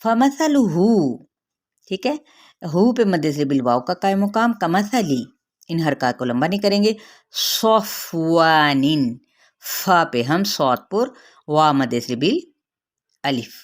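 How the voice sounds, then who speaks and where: Female tajweed teacher, Pakistani Urdu accent, low pitch, slow drawn-out recitation then brisk explanation. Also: animated. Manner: recites words slowly then explains rules. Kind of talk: tajweed lesson.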